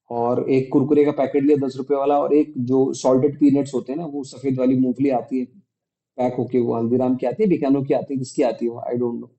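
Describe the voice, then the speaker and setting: Vlogger, male, from India: chatty retelling that acts out quotes, deep dark tone, muffled recording. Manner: chatty retelling, acts out quoted dialogue, mixes English words. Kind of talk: casual storytelling vlog.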